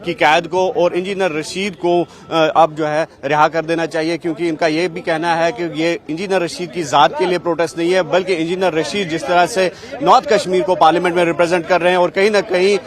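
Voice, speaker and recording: A man with a Kashmiri accent reporting from an outdoor protest, asking brisk, formal questions. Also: a little high, flat delivery. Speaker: field reporter. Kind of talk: news field reporting.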